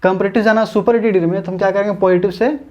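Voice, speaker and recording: A man teaching an English grammar lesson online, explaining step by step, repeating his points, drawing out example words slowly and calling viewers his friends. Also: sits high, fairly even intonation, a little mellow, muffled recording.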